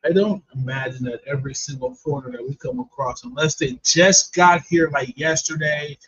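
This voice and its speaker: A man's voice: fairly high pitch, moderate pace, fairly bright tone, breathy edge. A man co-hosting a comedy chat show, chatty, laughing along and adding side comments. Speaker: co-host. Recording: dull lo-fi stream audio.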